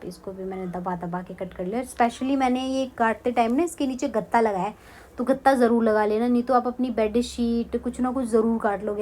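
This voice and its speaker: A woman's voice: on the high side, darkish tone, slight background noise. A young woman hosting a craft tutorial at home, chatty and cautioning, saying "theek hai" again and again as she talks straight to viewers. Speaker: craft channel host.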